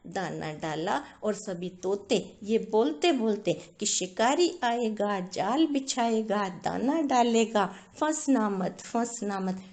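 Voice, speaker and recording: A woman narrating a moral story, calm and explanatory, speaking directly to her listeners. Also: medium pitch.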